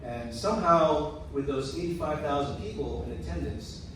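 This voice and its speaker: A man delivering a prepared eulogy in a tender, measured way, with deliberate pauses. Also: on the high side. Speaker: son giving a eulogy. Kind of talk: prepared memorial speech. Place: large room at a memorial service. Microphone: picked up from a distance. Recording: very echoey, distant, noisy hall.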